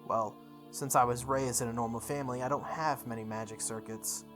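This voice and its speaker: A host of a video game playthrough reads visual novel narration dramatically, using a mid-range voice with fairly even intonation at a brisk pace. Game music plays behind the voice.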